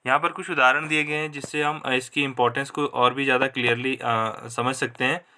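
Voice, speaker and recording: A man giving a recorded lecture, reading rules slowly and then explaining them casually with pauses and fillers. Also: medium pitch, flat delivery, bright, forceful tone. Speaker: teacher. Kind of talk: classroom lecture, mixing Hindi and English.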